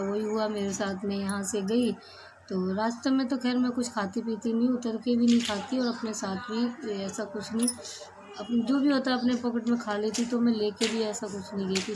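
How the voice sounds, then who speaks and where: A woman's voice: medium pitch, fairly even intonation, normal speed, background noise. A woman vlogger chatting casually to camera in a rambling, homely way while recovering from a cold.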